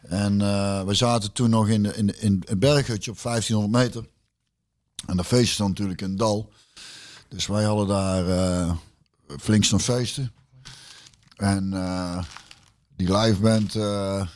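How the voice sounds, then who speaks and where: A man's voice: on the low side, fairly even intonation, moderate pace. A man in casual chat, telling a long anecdote full of fillers, curses and his own laughter.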